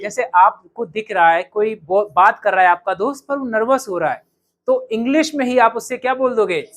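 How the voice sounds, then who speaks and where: A man teaching English to a class, calling out phrases loudly for students to repeat in a drill. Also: high voice, animated, normal speed, crowd noise. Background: students' voices.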